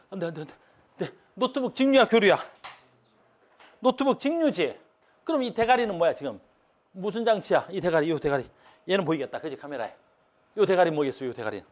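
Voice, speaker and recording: Man, high school science teacher, high voice, very animated pitch, casual slangy classroom talk, self-mocking. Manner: blunt, slangy, self-mocking banter with students.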